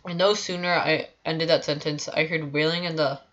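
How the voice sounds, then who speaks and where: Low-voiced young woman reading a story aloud. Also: steady tone, normal speed, a bit bright, dull audio. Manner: reads with frequent stumbles and restarts. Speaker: streamer reading stories aloud.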